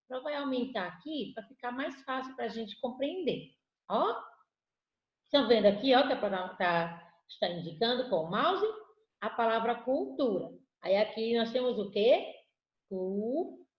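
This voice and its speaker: Woman, Brazilian accent, teacher, patient questioning manner, fairly high voice, dull echoey recording. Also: animated, normal speed. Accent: Brazilian Portuguese. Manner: patient, questioning, answers her own questions. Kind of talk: online class lesson. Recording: echoey room, dull lo-fi audio.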